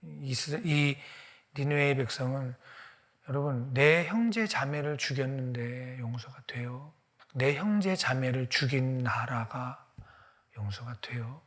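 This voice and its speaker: A man's voice: mid-range voice, measured pace, a bit bright. A male pastor preaching a sermon, asking his congregation questions and sometimes dropping to a whisper. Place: church.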